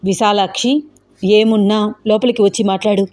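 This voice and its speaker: A woman's voice: medium pitch, steady tone, normal speed, a little mellow, natural voice. A woman voicing a stern, dignified elder sister-in-law who scolds firmly in a spoken story. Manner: firm, scolding.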